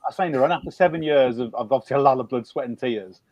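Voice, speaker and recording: A man's voice: mid-range voice, fast talker, a little mellow, no room sound. A man, a filmmaker guest on a podcast, answering earnestly with stumbling restarts.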